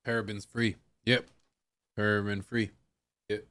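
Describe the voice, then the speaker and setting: A low-pitched man rambles through a casual stream chat, swearing and restarting his sentences as he goes. The sound is close and dry, with little room echo. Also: level tone, measured pace, a bit bright. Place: home streaming setup.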